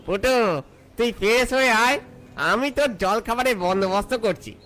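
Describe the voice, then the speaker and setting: A man voicing an easygoing male friend in an animated story, casual and solicitous toward his guest. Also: high-pitched, moderate pace. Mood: friendly, attentive.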